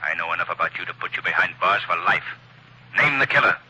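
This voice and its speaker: An actor playing the Shadow, a mysterious invisible male crime-fighter who speaks calmly and menacingly, in 1940s radio acting style. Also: sits low, a little hiss or hum, full character voice, poor audio. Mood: commanding. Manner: calm, menacing, measured.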